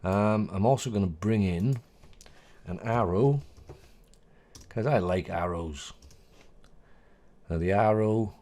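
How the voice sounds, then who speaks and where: A very low-pitched man walks through a tutorial in a casual, chatty way. He corrects his own slips and drops small jokes. His voice sounds a little hoarse, with keyboard typing now and then behind him. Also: takes it slowly, long pauses, mellow. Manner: chatty, self-correcting, jokey asides. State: voice going a bit hoarse. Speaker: tutorial host. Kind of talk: casual screen-recorded tutorial.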